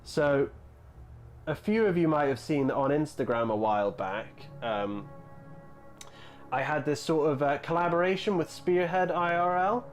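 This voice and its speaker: A man's voice: on the high side, unhurried, faint music behind. A man in his thirties chatting casually on a live stream, rambling with lots of fillers and answering viewers' messages. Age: 30s. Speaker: hobby streamer.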